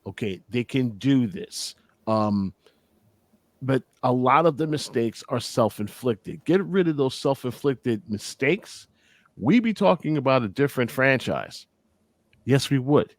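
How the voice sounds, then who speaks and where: A man's voice: mid-range voice, animated, measured pace, no room sound. A middle-aged man hosting a casual sports podcast, talking bluntly and with feeling and repeating phrases for emphasis. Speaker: podcast host.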